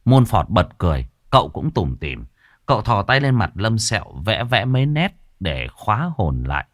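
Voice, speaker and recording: A man narrating a ghost story in a lively, expressive way. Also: on the low side, moderate pace, no room sound, studio quality.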